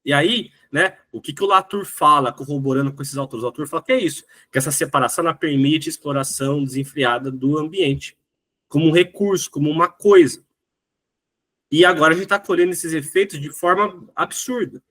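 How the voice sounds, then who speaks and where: A man with a Brazilian Portuguese accent delivers a recorded lesson in a slightly higher voice. He explains patiently, building each point and often checking in with his listeners. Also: fairly quick, pushed and bright. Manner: explanatory, frequent "né?" tag questions. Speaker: teacher. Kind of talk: recorded lecture.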